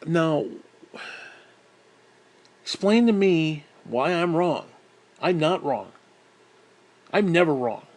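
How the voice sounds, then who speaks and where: A man delivers an angry vlog rant in a fairly high voice, cursing freely and sighing hard between jabs. He sounds blunt and exasperated. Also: expressive, takes it slowly, long pauses, darkish tone. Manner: profane, blunt, exasperated, with heavy sighs. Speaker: vlogger. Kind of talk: angry ranting monologue.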